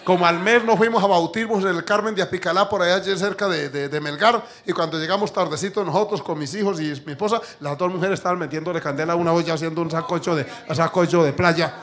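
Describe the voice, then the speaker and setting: A middle-aged man with a Colombian accent preaching a sermon, telling stories with emphatic, animated outbursts. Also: high voice, quick pace, few pauses. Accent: Colombian Spanish. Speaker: pastor. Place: church.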